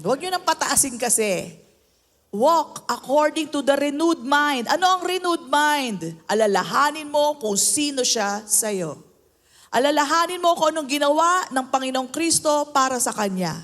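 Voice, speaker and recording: A Filipino woman pastor delivers a sermon in a high voice, unhurried and deliberate. She mixes Tagalog with English and keeps asking the congregation for amens. Her voice rings with a long reverb, as in a large hall. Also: fairly bright tone.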